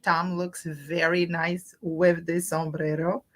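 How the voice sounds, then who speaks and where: A storytime channel host addresses young children on a livestream with simple classroom-style phrases sprinkled with Spanish. Her voice is on the low side, and she speaks slowly in a level tone.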